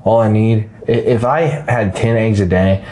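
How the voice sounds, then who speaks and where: Low-voiced rambling male podcast host. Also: steady tone, moderate pace, warm tone. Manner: rambling, profane, jokey. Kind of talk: casual podcast chat.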